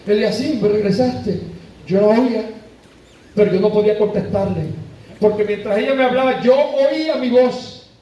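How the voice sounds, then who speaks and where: Speaking in a high-pitched, warm voice at a moderate pace, a Puerto Rican Spanish-accented pastor shares a moving testimony during his sermon, occasionally near tears. Heard from a distance in a very reverberant sanctuary, the congregation answers him.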